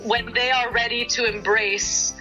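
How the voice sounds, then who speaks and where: A woman's voice: on the high side, little pitch movement, measured pace, muffled recording, over music. A woman from Singapore, a guest singer-songwriter giving a candid, earnest radio interview and thinking aloud as she answers. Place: radio studio.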